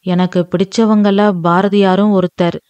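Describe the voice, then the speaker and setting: A woman's voice: medium pitch, little pitch movement, normal speed, darkish tone, smooth, no room sound, lightly acted. A woman reading an audiobook, voicing a polite, earnest young male poet. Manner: courteous, earnest.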